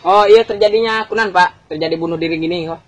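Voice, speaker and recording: Man as nosy spoof field reporter, high raspy-edged voice. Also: fast, a bit bright, dry recording. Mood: inquisitive.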